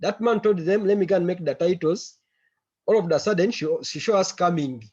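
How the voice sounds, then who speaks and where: A man gives a report to colleagues over a conference call. His voice is on the high side and somewhat husky, and he circles back over his phrases. The online audio is a bit dull. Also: a little fast, a little mellow. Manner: repeats words and phrases while recounting. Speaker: member of an organisation reporting to a meeting.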